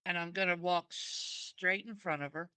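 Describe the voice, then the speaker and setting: Female player, bright, dry close mic, first-person action narration. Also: on the low side, steady tone, normal speed, smooth, dry recording. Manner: describes her character's actions in first person. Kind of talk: tabletop role-play.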